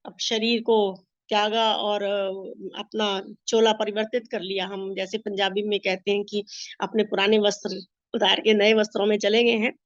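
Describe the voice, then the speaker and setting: A woman's voice: medium pitch, no echo. A middle-aged woman from India, a meditation master, sharing a personal testimony and acting out the dialogue in her story. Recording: dull lo-fi sound.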